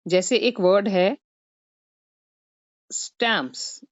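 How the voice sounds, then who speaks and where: Woman, patient online tutor; slow, step-by-step explanations with frequent "right?". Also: mid-range voice, dry recording, highs cut off. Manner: explains step by step, mixing Hindi with English, often asking "right?". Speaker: English teacher. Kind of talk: exam-prep online lesson.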